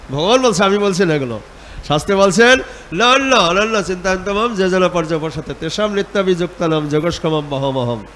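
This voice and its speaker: A man with a high, ringing voice guides a group through devotional chanting. He instructs plainly and exhorts the listeners to join in. A faint hiss sits under his voice. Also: fairly bright tone. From Bengal.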